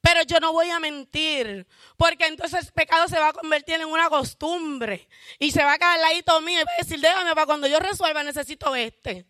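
A woman's voice: high-pitched, a little fast, no room sound, studio quality. A woman giving a fervent church testimony, calling out hallelujahs. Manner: self-described loud shouter.

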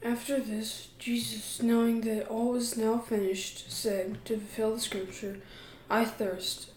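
Female scripture reader, higher voice, hushed delivery, echoey room. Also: level tone, takes it slowly. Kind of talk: reading scripture aloud.

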